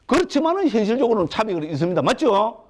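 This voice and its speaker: Lively high-pitched monk lecturing. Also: male voice, quick pace. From Gyeongsang, South Korea. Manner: keeps asking the class rhetorical questions; humorous, plain-spoken, lively. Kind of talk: Buddhist doctrine lecture to a class. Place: lecture hall at a Buddhist education center.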